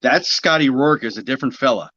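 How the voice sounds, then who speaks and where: A man's voice: mid-range voice, expressive, fast talker, sharp tone, no echo. A man speaking as a podcast guest in a casual, conversational interview style. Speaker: podcast guest, psychic medium. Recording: slightly dull, lo-fi audio.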